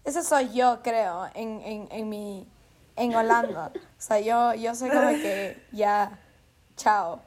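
A woman's voice: on the high side, takes it slowly, a crowd in the background. A young woman hosting a casual podcast chat, playful and acting out quoted lines. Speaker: podcast host.

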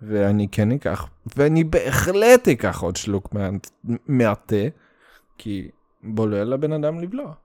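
A man's voice: medium pitch, very animated, a little mellow. A man from the Soviet Union with a Russian accent, hosting a casual solo podcast in a blunt, sweary, rambling way with English slang mixed in. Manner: rambling, stop-start delivery. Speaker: podcast host.

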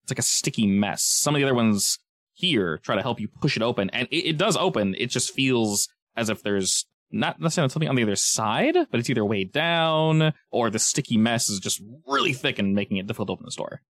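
A man running a tabletop game, improvising casual, descriptive narration and pausing to search for words. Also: mid-range voice, expressive, a bit bright, dry recording, clean studio sound. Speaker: game master.

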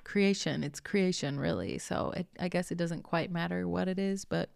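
A young adult woman with a low, gravelly voice talks through a relaxed motivational monologue. She is chatty and earnest, slips into soft whispers and swears casually. The sound is close and dry, with no room around it. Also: moderate pace, dry recording. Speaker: podcast host, spiritual coach.

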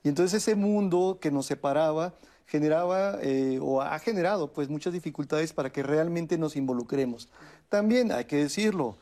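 A man's voice: a little high, normal speed, warm tone. A man, a talk show guest explaining his views thoughtfully, with many fillers and restarts. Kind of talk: conversational explanation.

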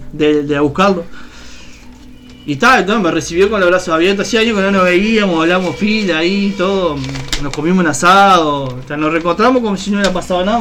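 A Uruguayan radio co-host with a high-pitched, fairly bright voice shares a personal story. He tells it loosely and casually, stumbling into fillers and starting over often.

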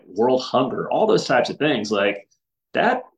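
A man's voice: mid-range voice, sing-song, unhurried, poor audio. A man as a podcast guest, talking earnestly in casual conversation with frequent restarts and filler words.

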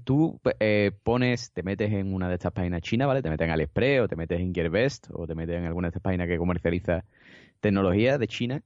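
A man's voice: low-pitched, fast, darkish tone, dry recording. A man co-hosting a podcast, chatty and enthusiastic. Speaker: podcast co-host. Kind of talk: casual podcast chat. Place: home, over a Skype call. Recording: dry, slightly dull call audio.

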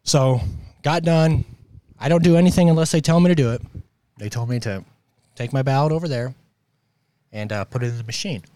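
American man with a sore throat, dark-toned. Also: mid-range voice, a little fast, long pauses, clean tone, dry recording. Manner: emphatic, exasperated, colloquial. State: sore throat with coughing and throat clearing. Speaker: host of a political commentary show. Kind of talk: opinionated political monologue.

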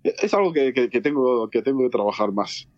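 A young man co-hosting a podcast, speaking candidly with many halting repeats. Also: medium pitch, animated, a little mellow, no echo. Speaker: podcast co-host. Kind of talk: casual chat. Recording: dull, dry lo-fi sound.

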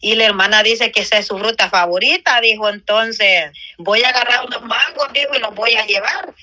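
A woman's voice: on the high side, normal speed, pushed and bright, a little hiss or hum. A woman telling her personal faith testimony in an earnest storytelling manner, acting out what others said. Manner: earnest storytelling with quoted dialogue. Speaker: church member giving testimony.

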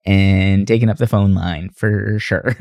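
A man co-hosting a podcast in casual chat, an animated storyteller who tells his stories with energy. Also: low voice, takes it slowly, creaky, no room sound, clean studio sound. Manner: animated storyteller, puts on voices in retellings. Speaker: podcast co-host.

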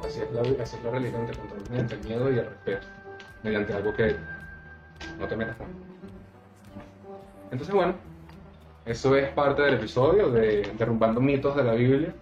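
A man's voice: mid-range voice, normal speed, pauses often. A man hosting a casual podcast, talking bluntly and emphatically and swearing freely. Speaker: podcast host. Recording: roomy, slightly dull, faint music.

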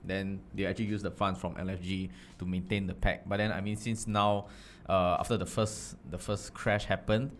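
A man with a Singaporean accent explaining things casually and a little haltingly, ending phrases with "lah". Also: deep voice, flat delivery, a little hiss or hum. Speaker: panelist.

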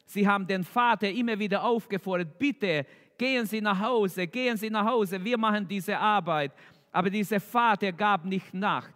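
A man preaching a sermon slowly and emphatically, his voice rising with fervor toward the appeal. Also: high voice, fairly bright tone. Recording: echoey hall with long reverb.

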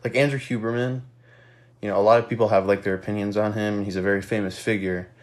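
A young man talks alone on his own podcast in a lowish voice, his nose stuffed up and his breath still a little short. He rambles in a reflective, loose way, full of fillers and the odd casual swear word. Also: fairly even intonation, quick pace. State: slightly out of breath. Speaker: podcast host. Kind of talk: casual solo podcast monologue.

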